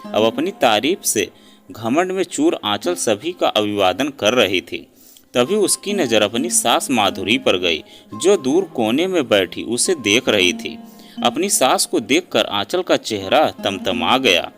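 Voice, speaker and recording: A man narrating a scripted family story in a dramatic, expressive way. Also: medium pitch, a little slow. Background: soft background music.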